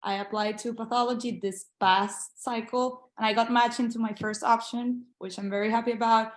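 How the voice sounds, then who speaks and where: A young Venezuelan woman who speaks Spanish joins a casual video-call interview as a guest; she is an international medical graduate. Her fairly high voice keeps a fairly even intonation at a moderate pace, and the room sounds echoey. She comes across as earnest and encouraging, restarting her sentences often.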